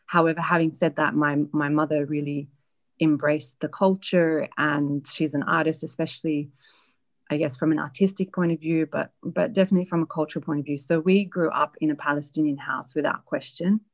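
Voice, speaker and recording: A woman being interviewed, reflectively telling a personal family story with many pauses and fillers. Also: deep voice, fairly even intonation. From Australia. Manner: reflective, hesitant with frequent fillers.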